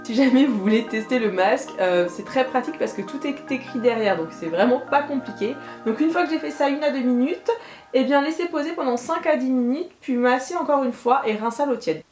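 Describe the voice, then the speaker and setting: A woman in a casual beauty vlog testing a product, chatty and playful, poking fun at herself, sometimes dropping to a soft murmur. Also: sits high, animated, a little fast. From France. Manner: chatty, playful, self-mocking, calls viewers her warriors. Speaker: beauty YouTuber. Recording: echoey room, soft background music.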